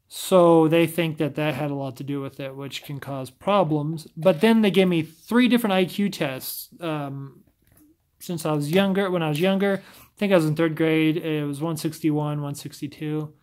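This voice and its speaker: This man's scratchy voice is on the high side with a darkish tone. Chatting casually to camera, he keeps tripping over words and restarting his rambling sentences.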